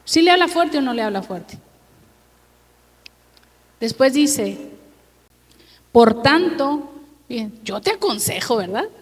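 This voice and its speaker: A woman's voice: sits high, very animated. A woman pastor preaching a sermon in a church, emphatic and drawing out her words as she quizzes the congregation with repeated questions. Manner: slow, drawn-out reading of scripture verses. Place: church sanctuary. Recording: long hall reverb.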